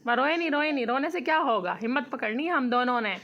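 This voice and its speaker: Woman, Pakistani Urdu accent, high voice, casual home vlog, handheld phone, coaxing and teasing. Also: animated, quick pace, fairly bright tone, lo-fi sound. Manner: soothing, coaxing, then teasing and laughing. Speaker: vlogger. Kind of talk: casual family vlog chat. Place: home room. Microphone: handheld phone camera.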